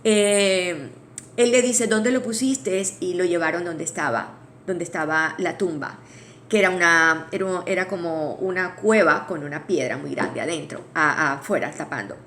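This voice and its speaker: A woman teaching a Bible study in a conversational way. She restarts phrases, adds asides to her listeners, and slows down to read scripture aloud. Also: lowish voice, a bit bright, slight background noise. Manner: reads scripture aloud slowly.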